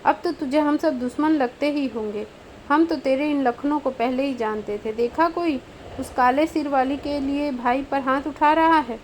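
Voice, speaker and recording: A woman's voice: sits high, normal speed, darkish tone, slight background noise, natural voice, rough recording. A woman reading as a scolding old mother. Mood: angry scolding.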